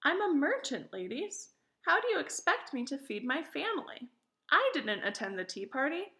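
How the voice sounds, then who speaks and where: A defensive, greedy colonial merchant pleads his case, read by a woman in a classroom play. The voice is bright and high, wheedling as he protests. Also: heavily acted.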